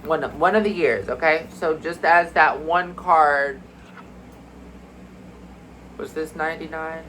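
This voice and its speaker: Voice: medium pitch, slow, noisy background. Chatty spiritual card reader, meandering and mystical, middling voice, kinda congested. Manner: chatty, addresses viewers as y'all. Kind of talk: casual spiritual card reading to camera.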